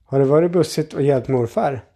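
A man voicing a friendly young mother who gently asks about her little son. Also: mid-range voice, creaky.

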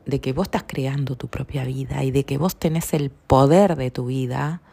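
Low, gravelly Rioplatense woman podcaster. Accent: Rioplatense Spanish. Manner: calm, unhurried, often seeks agreement with tag questions. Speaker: podcast host. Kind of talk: reflective spiritual podcast monologue.

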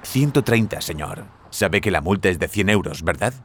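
A courteous highway patrol officer in a recorded lesson dialogue, firm and formal as he states the rules. His voice sits fairly low, with a faint hiss behind it. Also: lively intonation, moderate pace, a bit bright. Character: polite adult male highway police officer. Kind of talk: scripted dialogue for learners.

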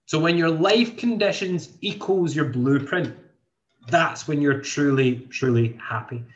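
A man's voice: on the high side, a little slow. A man, hosting a motivational podcast in an earnest way, thinking aloud with many restarts. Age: 20s. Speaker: podcast host and coach. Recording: dull lo-fi sound.

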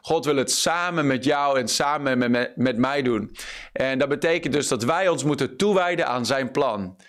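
A man's voice: medium pitch, normal speed, a bit bright. A man preaching an online sermon as pastor, earnest and full of fillers and repeated words.

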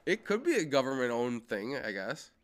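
A man's voice: mid-range voice, big pitch swings, normal speed. A man co-hosting casual sports chat, musing and hedging, laughing easily.

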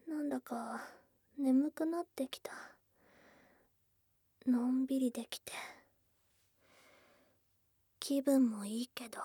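For an ASMR voice drama, a woman plays a shy, tsundere young goblin girlfriend with a high, girlish voice, speaking slowly and very close to an ASMR mic in a dry, echo-free space. Blunt and tomboyish in her words, she still sounds bashful, flustered, drowsy and affectionate, often melting into breathy murmurs in a heavily acted performance.

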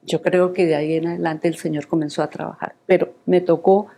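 A woman's voice: lowish voice, fairly even intonation, a little fast, dark tone, a little hiss or hum. An older woman giving an earnest, emotional testimony of faith in an interview.

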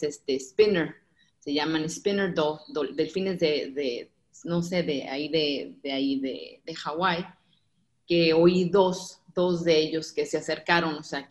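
Animated woman telling a story. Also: on the low side. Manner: animated, laughs often, many restarts and fillers. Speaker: guest. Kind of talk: casual storytelling conversation.

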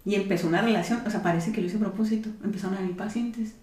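A Mexican woman telling her own story in a casual podcast chat, animated and acting out the dialogue she recalls. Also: medium pitch, racing, echoey room, far from the mic.

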